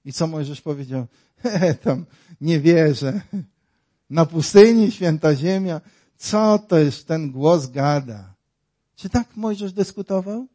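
A man's voice: on the high side, slow, dark tone. A man preaching a sermon, dramatic and full of rhetorical questions, acting out the voices in his story.

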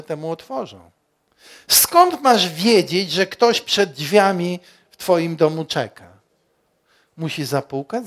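A man preaching a sermon as pastor, slow and emphatic, asking the congregation questions and rising to loud peaks. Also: on the high side.

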